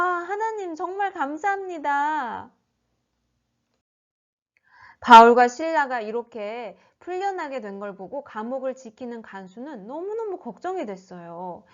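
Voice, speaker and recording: A woman teaching a children's sermon, telling a Bible story in an animated way and asking the children questions. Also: fairly high pitch, normal speed. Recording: dull lo-fi recording.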